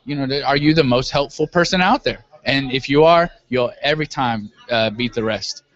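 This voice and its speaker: A man's voice: medium pitch, normal speed, fairly bright tone. Man explaining casually on a dull recording. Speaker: guest, web business owner. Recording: dull, lo-fi audio.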